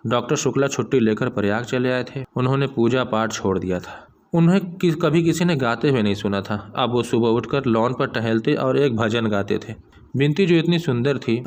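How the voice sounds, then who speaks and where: A man reading a novel aloud in a slow, solemn storytelling manner. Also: mid-range voice, a little hiss or hum. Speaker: narrator.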